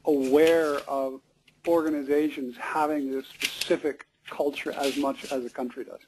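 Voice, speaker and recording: A man hosting an interview, speaking in a measured way and thinking aloud as he answers. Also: a little high, steady tone, noisy background. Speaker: interview host. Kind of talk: casual interview chat.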